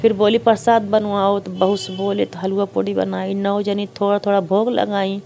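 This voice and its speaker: A woman's voice: mid-range voice, little pitch movement, normal speed, creaky, dark tone, slight background noise. A middle-aged woman, earnestly retelling a family story in heavy dialect, repeating herself. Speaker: interviewee, mother. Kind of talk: emotional personal storytelling.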